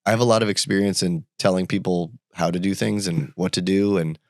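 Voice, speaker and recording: Gravelly low-voiced man telling stories. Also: no echo, clean studio sound. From United States. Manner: animated, quick jumps in pitch when quoting people. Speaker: podcast guest, entrepreneur and father. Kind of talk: casual conversational storytelling.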